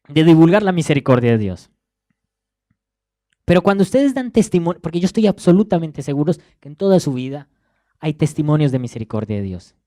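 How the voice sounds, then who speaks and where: A man's voice: on the high side, mellow, dry recording, studio quality. A young man in his twenties with a Rioplatense accent, preaching a sermon in a conversational way and often repeating words as he searches for the next one. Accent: Rioplatense Spanish. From Argentina.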